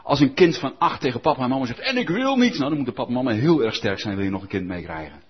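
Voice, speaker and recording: A man preaching a sermon in a lively, conversational, coaxing way, in a dull lo-fi recording. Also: medium pitch, rapid-fire, slightly rough.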